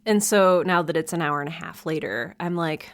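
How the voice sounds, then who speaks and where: A woman's voice: low voice, normal speed. A woman hosting a casual solo podcast from her hot home office, chatty and self-deprecating, laughing often. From American Midwest. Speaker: podcast host. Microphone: desk mic with headphones.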